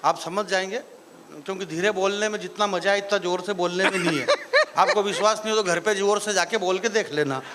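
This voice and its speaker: Man, stage comic poet; very high, bright voice; chatty crowd banter that rises into recitation. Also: lively intonation, a little fast, slight background noise. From Marwar, Rajasthan. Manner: jokey banter with the audience, rising into declaiming verse. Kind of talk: live stand-up poetry recital. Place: live stage event before an audience.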